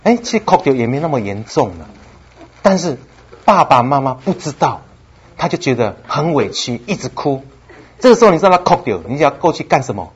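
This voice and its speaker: Male pastor, sermon delivery, very expressive rise and fall, laughs a lot. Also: medium pitch, fairly quick, slightly rough. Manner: lively storytelling, acts out dialogue, laughs often. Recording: slightly dull with faint background noise.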